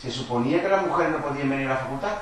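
Hombre animado en sala con mucho eco. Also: male voice, mid-range voice, rapid-fire. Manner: lively, questions the audience, laughs often. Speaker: social worker leading a workshop talk. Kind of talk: interactive workshop talk. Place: university library meeting room. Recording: echoey room, distant mic, background noise.

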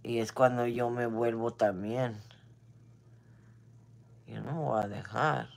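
A woman's voice: rumbling low, fairly even intonation, takes it slowly, gravelly, a little mellow. A woman with a Mexican accent venting in a casual monologue, blunt and full of slang and swearing, now and then dropping English phrases. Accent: Mexican Spanish.

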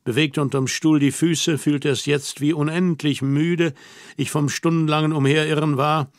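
A man reading a literary novel aloud in a measured, expressive way, recorded close on a studio mic. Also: medium pitch, no room sound. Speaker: audiobook reader.

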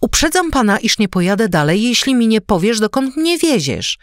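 A woman voicing a proud and cunning noble lady who speaks haughtily and pleads in a high, lively voice. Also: normal speed, no room sound, clean studio sound. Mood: alarmed. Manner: haughty, pleading then threatening.

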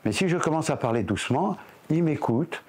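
A man in his seventies, a reptile keeper, giving a lively casual tour and coaxing his animals in a higher voice. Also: fairly quick, slightly rough. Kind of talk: casual guided explanation.

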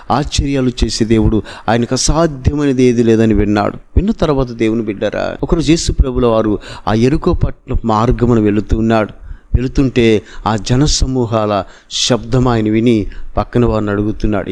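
Earnest Telugu preacher man, mellow voice. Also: mid-range voice, normal speed. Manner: earnest, rising to emphatic exclamations. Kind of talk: Telugu sermon storytelling.

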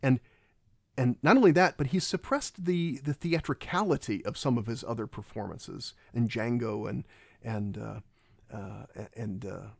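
A man's gravelly, medium-pitched voice comes through clean studio sound without echo as he rambles casually about a film. His speech is halting, with many stops and restarts.

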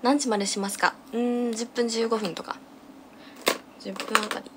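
Young female streamer, casual and absent-minded, murmuring fragments at home into a phone with clear background noise. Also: a little high, steady tone, moderate pace, a bit bright. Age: young adult. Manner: absent-minded muttering in short fragments to herself and viewers. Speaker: live streamer. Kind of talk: casual livestream chat while doing makeup. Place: small room at home, indoors. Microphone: phone at arm's length.

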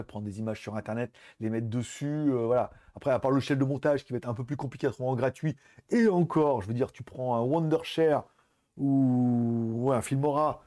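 A man's voice: mid-range voice, warm tone. A man chatting casually to his viewers, rambling and swearing loosely as he talks. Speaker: YouTuber host.

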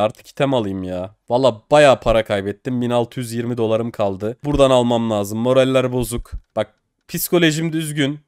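A young man giving casual commentary while opening game cases online. He gets excitable, swears and pleads at the screen. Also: mid-range voice, clean tone, no echo, clean studio sound. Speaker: case-opening streamer.

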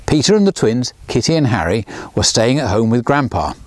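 A children's author in his sixties reads his own storybook aloud outdoors beside a small railway, a lively storyteller who raises his pitch for the characters' lines. He speaks fairly quickly, and the recording has no echo.

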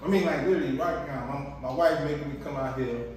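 A man's voice: on the high side, quick pace, a little mellow. A man co-hosting a family vlog, bantering playfully to the camera at the breakfast table with lots of restarts. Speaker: husband and co-host of a family vlog. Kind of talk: casual chat to camera. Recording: roomy echo, distant mic, faint noise.

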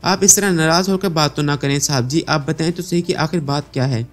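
An innocent young maidservant, naive and pleading, as a man reading the story puts her on with his own fairly high voice. The reading is a storybook narration with soft music playing underneath. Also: brisk, natural voice.

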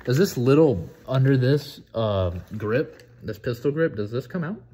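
An eighteen-year-old man from the United States chatting casually on a vlog, excitable, profane and rambling. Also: medium pitch, unhurried. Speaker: vlogger.

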